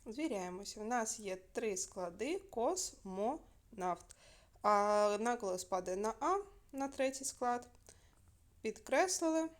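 Teacher, woman, recorded remote lesson for young pupils, clear and patient, quizzes and answers herself. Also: on the high side, lively intonation, a little slow. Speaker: primary school teacher.

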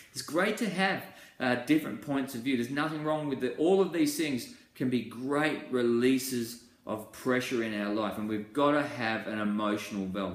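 Guy in his 40s giving a course talk to a webcam, earnest, lots of uhs, roomy echo. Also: mid-range voice. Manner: earnest, gestures a lot, restarts with fillers. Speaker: course presenter. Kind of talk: small-group teaching talk. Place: indoor room with wall pictures.

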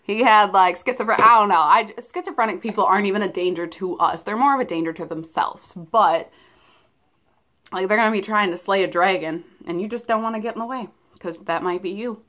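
A woman's voice: medium pitch, fairly quick, sharp tone. A young woman chatting casually and giggling through a shopping haul video. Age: young adult. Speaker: vlogger.

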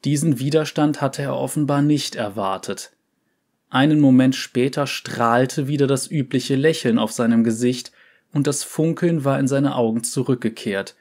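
A man narrating a fantasy story in a measured, deliberate reading. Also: mid-range voice, darkish tone.

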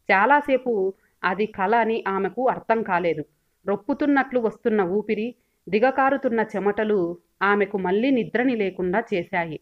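Female storybook narrator, steady and expressive, mid-pitched, dull lo-fi audio. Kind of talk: storybook reading. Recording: dull lo-fi recording.

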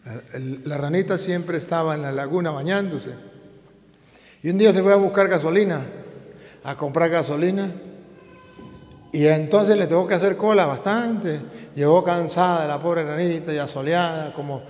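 A high-pitched male priest preaches with emphatic, repeated phrases. His words ring out through a large hall with a long reverb. He builds each point by stacking up repeated lines. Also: normal speed, darkish tone. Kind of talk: sermon.

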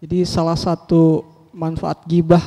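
A male moderator asks the preacher questions, hesitant and fumbling his words. His voice sits high. A long hall reverb carries behind him. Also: monotone, unhurried, dark tone. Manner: hesitant, fumbling, laughs at himself. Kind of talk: casual Q&A with preacher.

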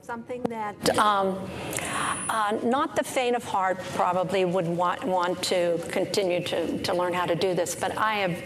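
An older woman speaks as a studio guest at a medium pitch. She explains herself haltingly and without a script, with clear chatter in the background. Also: steady tone, poor audio. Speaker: guest porcelain painter and teacher. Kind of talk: unscripted guest interview talk. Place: TV studio desk, indoors. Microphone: lapel mic.

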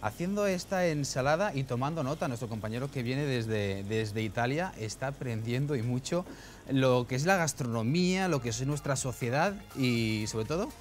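A man's voice: mid-range voice, animated, moderate pace, faint music behind. A man in his thirties presenting a TV show from a studio sofa on a lapel mic, upbeat and announcing segments.

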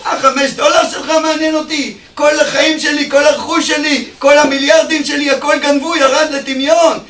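A rabbi playing a frantic rich diamond merchant. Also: male voice, a little high, animated, gravelly. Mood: distraught. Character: wealthy middle-aged male diamond merchant, frantic. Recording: echoey room, distant mic.

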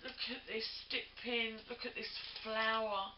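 Lady gushing over a craft parcel, slow and kinda high, echoey room. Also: steady tone, slight background noise. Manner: gushing, effusive, many breathy "oh"s. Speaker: crafting vlogger. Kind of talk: gift unboxing vlog. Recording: lo-fi home video, roomy.

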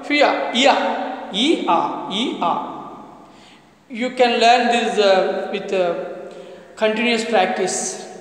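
A man with a voice, teaching a pronunciation lesson and drilling each sound with slow repetition. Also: very high voice, fairly bright tone. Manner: drills words slowly, repeating each sound. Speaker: college English teacher. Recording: echoey room with long reverb.

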